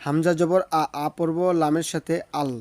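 A man's voice: on the high side, little pitch movement, darkish tone. Methodical man spelling out recitation. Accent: Bangladeshi Bengali. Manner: slow sing-song drawn-out recitation of words; patient methodical letter-by-letter spelling. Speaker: Quran recitation teacher.

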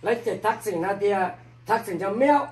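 Recalling bygone days in a long oral history, an elderly storyteller from Laos keeps repeating the same filler phrases. He speaks briskly in a high, darkish voice. The sound is roomy and echoing, as he's positioned away from the microphone.

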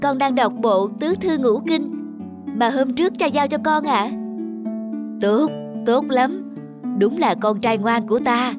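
Over music, a woman with a high voice performs a cartoon folk tale at a measured pace, pausing often. She's both narrator and the voice of all the characters, delivering expressive voice acting.

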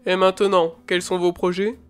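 A woman voicing a stern, fatherly older lord with a beard, speaking in a grave, measured way. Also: medium pitch, fairly even intonation, clear, resonant tone, faint music behind, voice pushed down, natural voice.

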